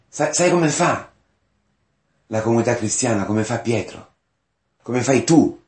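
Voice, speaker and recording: A man preaching a sermon in a church, animated, swinging between loud and hushed, putting questions to his listeners. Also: medium pitch, a little slow, reverberant. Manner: addresses listeners directly with rhetorical questions.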